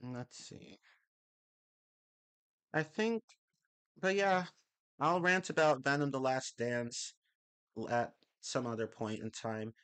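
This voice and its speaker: Speaking slowly with frequent pauses, a young man talks in a medium-pitched, smooth, slightly bright voice that's a touch off after a cold. He's live streaming, reading chat messages and replying casually, rambling, correcting himself and swearing now and then.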